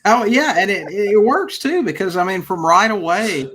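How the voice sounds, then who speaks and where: A man's voice: high voice, animated, normal speed, fairly bright tone, husky. A middle-aged man hosting a podcast, asking eager, rambling questions in a casual manner. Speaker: podcast host. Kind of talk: casual interview.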